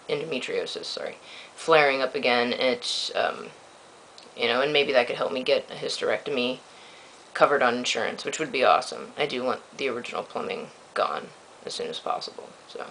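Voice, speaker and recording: A man gives a casual video diary in a reedy voice with a bright edge and plenty of creak. He is dry and blunt, quick to put himself down. The sound is amateur camera audio with faint noise behind it. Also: animated, rough recording. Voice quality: reedy, slightly squeaky breaking voice. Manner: dry, self-deprecating, blunt. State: sore throat. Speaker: video blogger giving a personal update. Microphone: built-in microphone of an old point-and-shoot camera.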